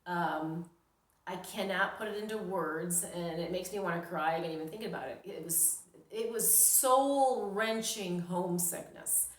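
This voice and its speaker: A middle-aged woman from New York, United States, a storyteller and vlogger, tells a personal story casually and dramatically, acting out her reactions. Her voice is on the low side and her pace moderate, with a roomy, echoing recording.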